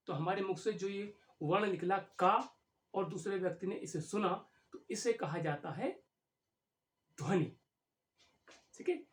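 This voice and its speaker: A woman teaching a Hindi grammar lesson, explaining slowly and repeating key words as she writes. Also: lowish voice. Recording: echoey room.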